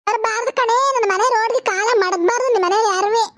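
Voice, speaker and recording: A woman's voice: very high-pitched, fairly even intonation, quick pace. A woman voicing a quarrelsome, foul-mouthed village mother in a cartoon. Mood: spiteful. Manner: abusive, quarrelsome. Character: sharp-tongued older village mother. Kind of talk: cartoon voice acting.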